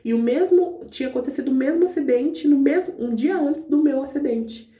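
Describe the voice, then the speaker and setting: This woman's high, brisk voice has a dark tone as she earnestly tells viewers her faith testimony in a casual vlog. The recording has a roomy echo and sounds like a distant mic.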